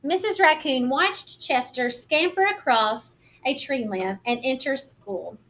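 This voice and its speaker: A woman reading a picture book aloud as a kindergarten teacher, gentle and expressive, explaining simply to young children. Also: sits high, unhurried.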